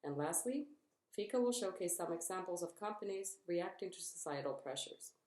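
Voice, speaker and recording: A young woman, a student reading her part of a group presentation in a measured, formal way. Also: fairly low pitch, expressive, darkish tone. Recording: echoey room.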